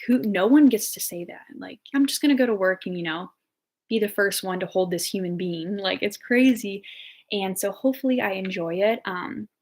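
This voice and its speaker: In a mid-range voice, this Ohio woman in her early twenties, a nursing student, responds to viewer questions in a relaxed, chatty and upbeat way, packing in lots of fillers.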